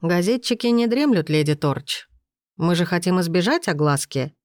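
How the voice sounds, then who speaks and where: A woman's voice: on the low side, animated, normal speed, a little mellow, no room sound, studio quality, lightly acted. A woman voicing a sly, mocking male chief of detectives in an audiobook, her tone cool and needling.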